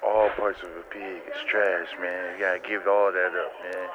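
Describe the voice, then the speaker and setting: A man voices an inmate calling his friends on a prison payphone, slow and earnest as he preaches at them. His voice is low and comes through a dull, muffled line. A noisy crowd of voices fills the background behind him. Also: flat delivery. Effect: payphone call from a prison.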